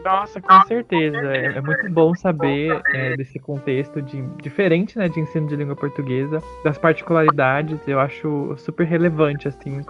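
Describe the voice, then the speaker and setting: A man's voice: on the high side, normal speed, hardly any pauses, lo-fi sound, over music. A man co-hosting a podcast, chiming in briefly and agreeably. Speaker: podcast co-host. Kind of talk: casual chat.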